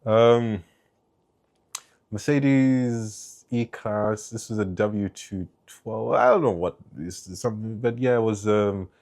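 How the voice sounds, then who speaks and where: A man's voice: lowish voice, takes it slowly, a little mellow. A young man from East Africa giving a casual, rambling tier-list review of family cars, with many fillers and restarts. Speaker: car reviewer.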